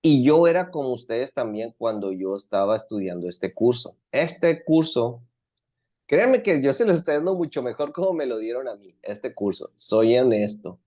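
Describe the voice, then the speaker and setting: A man's voice: mid-range voice, very animated, moderate pace, mellow. A man with a Mexican accent teaching an English class to students in Spanish, earnest and encouraging, often repeating himself.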